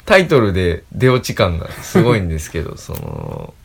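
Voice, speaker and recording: A man's voice: sits low, wildly swooping pitch, moderate pace, creaky, crowd noise. A man with an Osaka accent chatting casually as a co-host, wry and joking, often chuckling as he talks. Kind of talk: casual chat.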